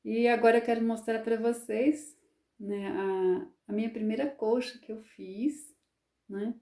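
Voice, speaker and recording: A woman's voice: a little high, fairly even intonation, a little slow, warm tone. A woman in her fifties chatting casually to camera as a crochet vlogger, homely and full of little tag questions. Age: 50s. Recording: echoey room.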